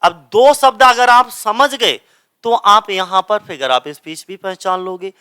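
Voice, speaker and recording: A man's voice: high-pitched, a little slow, sharp tone, clear, resonant tone. A young adult man teaching English literature, explaining step by step and asking and answering his own questions. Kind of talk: classroom explanation of grammar.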